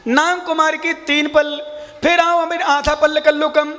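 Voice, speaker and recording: A man teaching scripture as a monk, his voice pitched very high and bright. He explains verses step by step and quizzes his listeners. His voice rings out in a large hall with a long echo. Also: little pitch movement, measured pace. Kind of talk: scripture class lecture.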